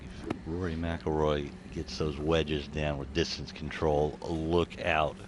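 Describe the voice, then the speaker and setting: A man's voice: a bass voice, level tone, slow pace, background noise. A man working as a golf commentator, giving live, conversational commentary.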